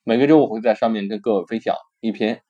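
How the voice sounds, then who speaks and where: A man's voice: on the low side, fast, mellow. A man hosting a talk show, telling a short story and then reflecting on it in an earnest, thoughtful way. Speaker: host. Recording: dull lo-fi recording.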